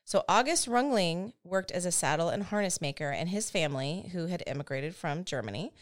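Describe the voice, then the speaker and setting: Lively woman hosting a storytelling podcast. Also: on the low side, fairly quick. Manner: chatty, laughs often, self-deprecating asides. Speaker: podcast host. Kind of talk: casual storytelling chat.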